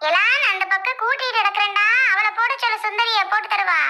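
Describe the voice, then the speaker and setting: A woman playing a busy older mother who mutters complaints quickly while sweeping, in a comedy sketch. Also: extremely high pitch, fairly even intonation, sharp tone, exaggerated voice. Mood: harried.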